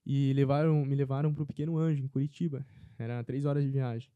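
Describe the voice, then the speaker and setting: Fast-talking man with a dark voice. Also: mid-range voice, clear, resonant tone, no room sound, lo-fi sound. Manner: earnest, animated storytelling. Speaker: podcast guest. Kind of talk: casual chat, personal testimony.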